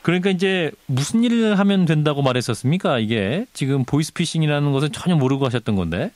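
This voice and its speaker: A man's voice: on the high side, expressive, fast talker, a little mellow, dry recording. A man hosting a news radio interview in a polite, formal manner.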